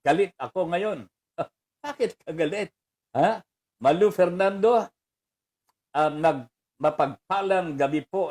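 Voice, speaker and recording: An older man with a Filipino accent, hosting a commentary show, reading viewer greetings aloud in a chatty way and laughing often. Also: a little high. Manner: chatty, laughs often, mixes in English phrases. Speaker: radio commentator host reading viewer messages. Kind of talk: casual on-air commentary.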